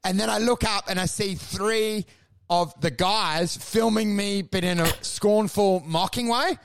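Gravelly high-voiced man. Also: unhurried, slight background noise. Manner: rambling, self-mocking storytelling with frequent swearing. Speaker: podcast co-host. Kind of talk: casual comedic chat.

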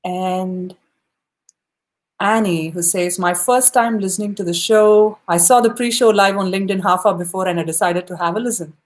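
At a moderate pace and in a mid-range voice, a woman hosts a live podcast and keeps the interview with her guest casual. Her tone is cheerful and encouraging, and "you know" crops up constantly.

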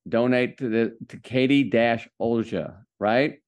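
A podcast host with a mid-range voice talks a little slowly during a faith-based interview. Enthusiastic and preacher-like, he encourages his listeners.

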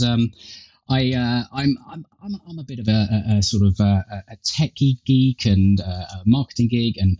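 A man's voice: on the low side, warm tone. A man hosting a podcast, with a tinny, slightly metallic tone from recording through an earbud microphone. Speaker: podcast host. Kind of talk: scripted intro and podcast hosting. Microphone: earbuds instead of proper microphone.

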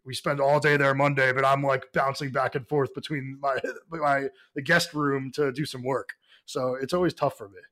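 Laid-back thirties guy on a podcast, laughs a lot, mid pitch. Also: little pitch movement, normal speed, a bit bright. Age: 30s. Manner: easygoing, laughs often. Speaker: podcast co-host. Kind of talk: casual chat.

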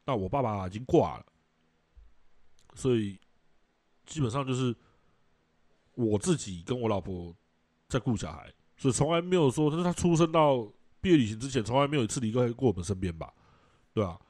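A middle-aged man with a Taiwanese Mandarin accent, hosting a casual chat show, telling stories in a blunt, profane and animated way. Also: medium pitch, fairly quick, pauses often, no echo. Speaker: podcast host.

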